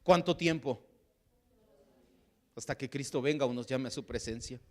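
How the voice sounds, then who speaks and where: A man's voice: mid-range voice, moderate pace. A man with a Mexican Spanish accent preaching a sermon as pastor, with impassioned delivery that acts out the voices he quotes.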